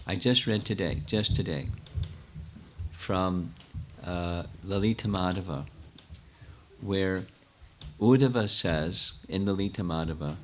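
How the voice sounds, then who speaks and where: An older man with a low voice answers questions from his audience in a lecture. He speaks haltingly, stops often and restarts his sentences while he thinks aloud. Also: slight background noise. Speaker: spiritual teacher answering questions.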